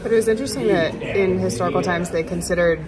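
A woman's voice: on the low side, quick pace, a loud crowd. A woman in her thirties co-hosting a travel vlog, adding short conversational asides while filmed on a phone at arm's length inside an ornate room. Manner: conversational, adds brief asides. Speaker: travel vlogger, co-host. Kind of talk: casual travel vlog chat. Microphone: phone held at arm's length, selfie framing.

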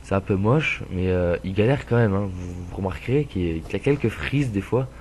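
A young man with a stuffy nose casually commentating a truck-driving game, rambling with lots of fillers and swearing, with loud bursts of frustration at other drivers. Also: sits low, a little fast, slight background noise. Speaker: gameplay commentator. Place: home room with a dog playing nearby.

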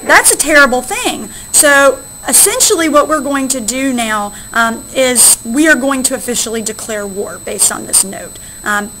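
Higher-voiced woman teaching history. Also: normal speed, hardly any pauses, bright, forceful tone, slight background noise, rough recording. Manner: explanatory, checks in with frequent "right?". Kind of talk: recorded classroom lecture.

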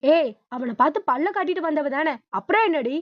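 A woman's voice: high voice, expressive, a little fast, no echo. A woman reading the part of a crude male criminal who snarls insults in fury, on a dull lo-fi recording. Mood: furious. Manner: growling, insulting.

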